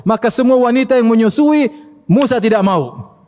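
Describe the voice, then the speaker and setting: A man preaching an Islamic sermon, telling a story with lively swings in his voice and laughing along. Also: very high-pitched, moderate pace, in a large hall.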